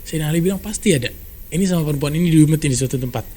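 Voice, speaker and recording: A man telling a story in a casual podcast chat, brisk and animated, acting out quoted dialogue. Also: a little high. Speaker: storyteller guest.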